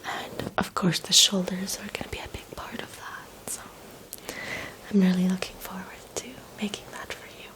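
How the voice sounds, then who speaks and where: A woman doing a whispered role-play as a spa massage host, speaking in a soft, soothing, gentle whisper. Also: medium pitch, flat delivery, normal speed, poor audio.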